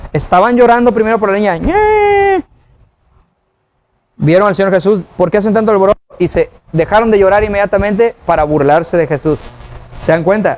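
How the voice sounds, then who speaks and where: A man preaching a sermon in a high voice. He talks to the congregation like friends, asking them questions as he goes. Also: a little mellow. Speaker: pastor. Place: church.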